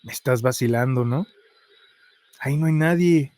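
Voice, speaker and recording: A man's voice: medium pitch, normal speed, a little mellow, no room sound, natural voice. A man reading as a frightened policewoman. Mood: scared. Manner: nervous, pleading. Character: frightened young woman police officer.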